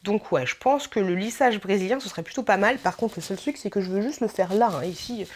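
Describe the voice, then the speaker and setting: A woman's voice: medium pitch, lively intonation, quick pace. A woman YouTuber talking through her wishlist in a casual vlog, chatty and playful, rambling with filler asides.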